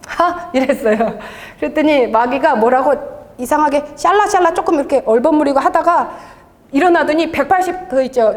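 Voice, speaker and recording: Higher-voiced woman giving animated testimony in a church hall. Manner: animated storytelling with laughter. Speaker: intercessory prayer leader giving testimony. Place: church sanctuary. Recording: long reverb of a large church hall.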